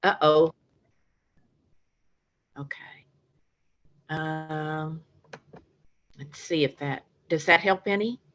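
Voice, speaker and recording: Low, slow woman on a choppy video call. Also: fairly bright tone. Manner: slow and hesitant, with many pauses. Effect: choppy, breaking-up video call audio. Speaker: group participant. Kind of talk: sharing in an online meditation group. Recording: dull, noisy video call connection.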